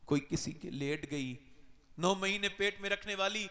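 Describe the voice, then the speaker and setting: A man preaching an emotional sermon, his voice swinging sharply from loud cries to low, hushed passages. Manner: impassioned, sweeping swings in pitch and loudness. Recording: long reverb of a large hall.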